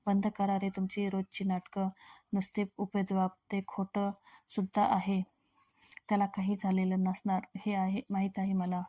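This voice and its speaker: A woman reading an irritable older father who scolds curtly, in her own flat voice. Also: medium pitch, moderate pace, close to an everyday voice. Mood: irritated. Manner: curt, scolding.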